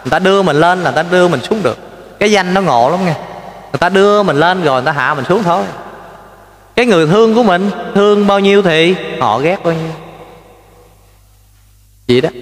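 A man giving a folksy lay Buddhist sermon, telling stories with lively rhetorical questions to his listeners. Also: fairly high pitch. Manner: animated storytelling, addresses listeners directly, rhetorical questions. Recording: roomy with long reverb.

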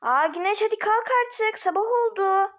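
A woman playing a flustered older sister rushing to get to school, talking to herself and repeating words in a homemade mini-series. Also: extremely high pitch, voice pushed up. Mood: bossy.

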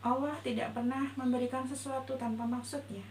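A female religious teacher with a high voice speaks calmly and thoughtfully, her delivery gentle and unhurried, her tone even. She stands indoors before a patterned cloth backdrop in a roomy space, where a slight hum and some echo color the sound.

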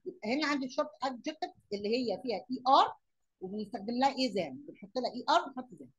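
A woman's voice: a little high, animated, very fast, breathy edge, poor audio. A young woman with an Egyptian accent teaching English grammar to children, explaining in Arabic and asking and answering her own questions. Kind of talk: classroom lesson explanation.

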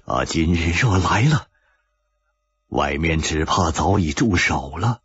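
A storyteller playing a tormented, stammering assassin. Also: male voice, extremely low pitch, animated, fairly bright tone, husky, dry recording, highs cut off, pitched below the performer's own voice, full character voice. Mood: grim. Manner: halting, stammering. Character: tormented loyal young male assassin. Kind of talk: pingshu storytelling.

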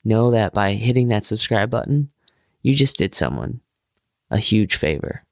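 A young man with a fairly low voice hosts a podcast in a friendly, casual way. He asks questions with easy fillers. The sound is close and dry. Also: big pitch swings, normal speed, creaky, dry recording. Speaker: podcast host. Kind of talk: casual interviewing.

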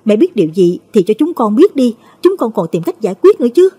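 A woman's voice: mid-range voice, very animated, a little fast, a little mellow, breathy edge. A woman doing an anxious questioning young woman. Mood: alarmed. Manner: questioning, urgent.

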